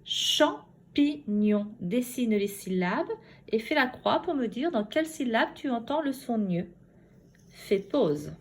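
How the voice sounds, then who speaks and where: Slow-paced woman teaching phonics. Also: fairly high pitch, big pitch swings. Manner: slow, carefully sounded-out syllables. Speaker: primary school teacher. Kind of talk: phonics lesson for young children. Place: her home.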